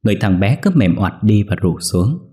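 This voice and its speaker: A man narrates a ghost story in a steady, grave manner. His voice is low and deep, with a dark, mellow tone. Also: moderate pace. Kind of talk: scripted horror story narration.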